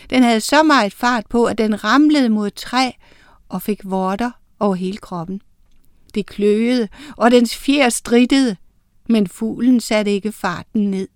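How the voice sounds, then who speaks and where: A woman narrating a children's storybook in a clear, steady storytelling voice. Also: fairly high pitch, dry recording, studio quality. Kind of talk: storybook reading.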